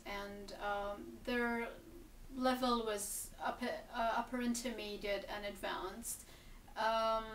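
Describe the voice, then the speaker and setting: A woman in her 20s from the Gaza Strip, Palestine, an English teacher and graduate student, answers interview questions thoughtfully, with frequent ums and restarts. Her voice is medium-pitched, recorded in an echoey room with the mic at a distance, faint ambience, and a little hiss or hum.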